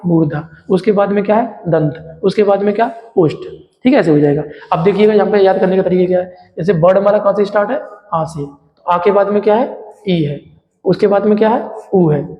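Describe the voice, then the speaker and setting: A man's voice: high voice, long reverb tail, dull audio. A man teaching a Hindi exam-prep lesson from a diagram, repeating each term as a question and answer to his students. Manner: addresses viewers as friends, explains with a diagram.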